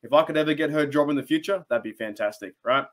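A man's voice: fairly high pitch, fast. Chatty young Australian man, fan vlog. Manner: chatty and enthusiastic, many restarts and asides. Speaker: sports channel host. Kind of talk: casual fan commentary to camera. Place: small room at home, indoors.

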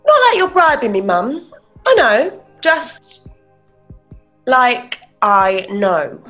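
A woman's voice: a little high, very animated, extremely slow, a bit bright, soft background music, heavily acted, low-quality recording. A young woman playing a sulky, sleepy teenager in a rehearsed script reading over a video call. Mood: guarded. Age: young adult. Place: room at home, video call.

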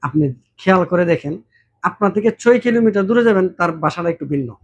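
A man speaks in a casual vlog monologue, his voice sitting a little high. He talks warmly and keeps sliding into imitations of other regional dialects. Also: brisk, muffled recording, slight background noise. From Brahmanbaria, Bangladesh. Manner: mimics regional dialects, animated and warm-hearted. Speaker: vlogger.

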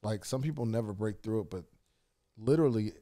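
A man's voice: fairly low pitch, brisk, warm tone. A man hosting a podcast in casual chat, motivational and swearing casually. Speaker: podcast host.

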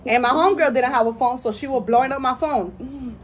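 A young woman with a high-pitched, brisk voice hosts her channel in a casual mukbang chat. She eats with friends and talks in a slangy, laid-back way.

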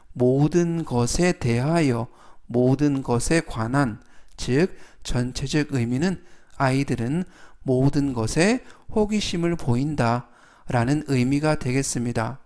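A Korean man leads a slow, step-by-step vocabulary lesson, repeating each English word with careful stress before explaining it in Korean. His pace is very unhurried and his pitch sits in a middle range. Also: a little mellow.

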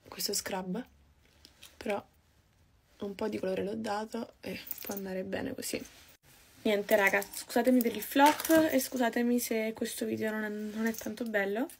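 A young woman from Naples, chatting quickly and casually to her viewers while doing her makeup. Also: a little high, a little hiss or hum. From Naples, Italy. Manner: fast-talking, chatty, addresses viewers as "raga". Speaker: beauty vlogger. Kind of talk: casual get-ready-with-me chat.

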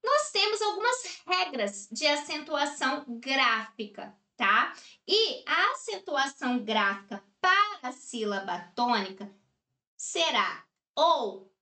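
A woman from Brazil teaching a recorded grammar lesson, explaining slowly and checking in with short tag questions. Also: sits high, sing-song, pushed and bright, roomy sound.

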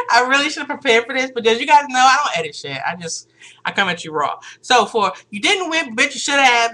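A woman's voice: on the high side, pushed and bright. A woman vlogging casually, chatty and sassy, rambling and laughing often. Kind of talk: casual unscripted vlog.

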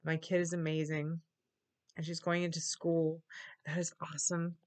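Speaking at normal speed with little pitch movement, this woman's low, darkish voice carries a tired, reflective tone. She's a middle-aged vlogger sharing candid, confessional thoughts with the camera from a small room with wood paneling.

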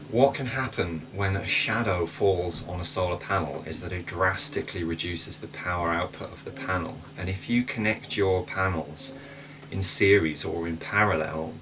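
Sailing vlogger, thirties, very low voice, plain step-by-step explainer, picked up by a distant camera with steady noise. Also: male voice. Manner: relaxed, practical, explains step by step. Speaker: sailing vlog host. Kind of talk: casual explainer. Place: inside a sailboat cabin. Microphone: wide camera across a table.

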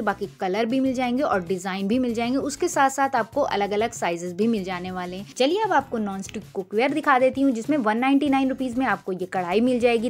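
Woman shopping vlogger, higher voice, upbeat price rundown, phone-recorded in-store, faint music behind. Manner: upbeat sales-pitch, listing prices. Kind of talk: store walkthrough narration. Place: large retail store.

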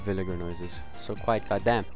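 A man's voice: sits low, steady tone, normal speed, loud music behind the voice. A man commentating on a game he is playing, silly and repetitive, with casual swearing. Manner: silly, repeats catchphrases, swears. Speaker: gaming video host. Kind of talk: joking gameplay commentary.

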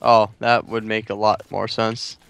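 A man's voice: on the low side, little pitch movement, measured pace, gravelly, fairly bright tone, clean tone, no room sound. A man playing along in a casual game session, who keeps asking how the game works and gets frustrated. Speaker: co-player. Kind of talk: casual gaming chat.

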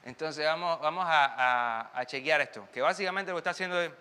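A man's voice: fairly high pitch, fairly quick, big-room sound, heavy background noise. A man giving a casual online timbal lesson, chatty and loose, sometimes singing drum patterns aloud while swaying as he talks. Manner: moves and sways while talking. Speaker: timbal teacher.

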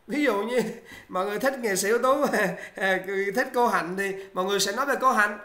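A bright, forceful-voiced exam tutor talks learners through speaking-test answers in a casual, encouraging way, full of little filler sounds. The English model answers come slow and deliberate. The room is roomy and echoey. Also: mid-range voice. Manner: chatty and encouraging, many "à" fillers, slows down for English examples.

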